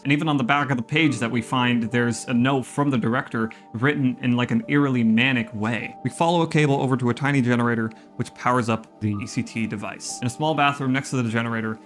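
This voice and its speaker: Man narrating a game essay over music. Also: mid-range voice. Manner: informal, with slangy, sweary asides. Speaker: video game lore commentator. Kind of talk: scripted video essay narration with casual asides. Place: attic room at home. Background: background music.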